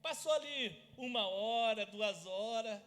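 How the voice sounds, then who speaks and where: Male pastor, lively storyteller; very high, bright voice in a reverberant church hall. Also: slow. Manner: lively storytelling, acts out family scenes. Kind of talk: sermon with personal stories.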